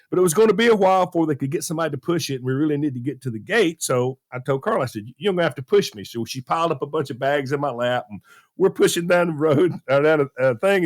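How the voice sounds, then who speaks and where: A middle-aged man with a Southern US accent, telling a funny story on a talk show and acting out the voices with plenty of laughs. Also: on the high side. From American South. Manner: animated storyteller, acts out quotes, laughs often. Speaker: radio show regular, movie critic.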